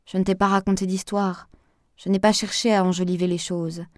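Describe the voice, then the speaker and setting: A woman voicing a reserved divorced man who speaks in a hushed, weary, restrained way, in an audiobook reading. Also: mid-range voice, little pitch movement, fairly quick, no echo, studio quality, natural voice.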